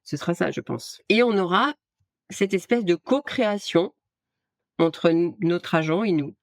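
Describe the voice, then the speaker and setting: A woman's voice: lowish voice, lively intonation, measured pace, dry recording, studio quality. A woman guest in casual interview talk, an art director explaining her work with many hesitations and restarts.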